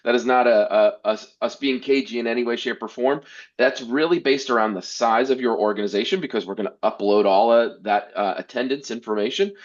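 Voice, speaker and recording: A man's voice: medium pitch, brisk, highs cut off. Earnest man presenting a webinar. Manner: earnest, many restarts and repeated words. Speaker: workshop presenter.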